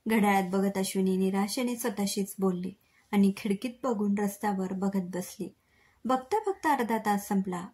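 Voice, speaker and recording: A woman's voice: medium pitch, darkish tone, breathy edge. A woman narrating an emotional story, reading it dramatically and acting out the dialogue.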